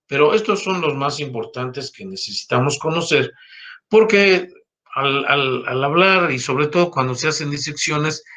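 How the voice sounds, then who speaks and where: An older man teaching an anatomy class, explaining slowly and checking with his students through frequent tag questions. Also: fairly high pitch, sharp tone. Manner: slows down to spell out key terms. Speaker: anatomy professor. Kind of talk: university lecture.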